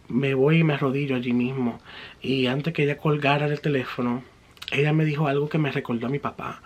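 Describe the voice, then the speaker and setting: A man giving a personal religious testimony in an earnest, fervent way, slipping English words into his story. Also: mid-range voice.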